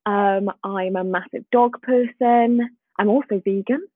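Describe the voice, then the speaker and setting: A woman's voice: mid-range voice, fairly even intonation, measured pace, dry recording. Giggly Welsh woman on a phone-like line. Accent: light Swansea Welsh. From Swansea, Wales. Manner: giggly, self-deprecating. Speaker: podcast guest, small business owner. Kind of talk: casual chat. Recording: thin band-limited phone-like call audio.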